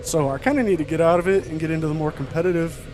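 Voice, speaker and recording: A man's voice: fairly high pitch, rapid-fire, noisy background. A man interviewed as a guest driver in a booth on a headset, out of breath, speaking loosely with many fillers. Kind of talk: casual interview. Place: announcer booth at an indoor kart track.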